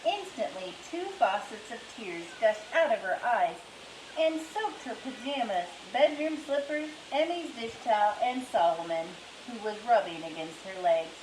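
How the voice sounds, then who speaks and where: A woman reading a children's book aloud in an expressive storytelling manner. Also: on the high side, moderate pace, roomy sound, slight background noise, poor audio. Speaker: reader.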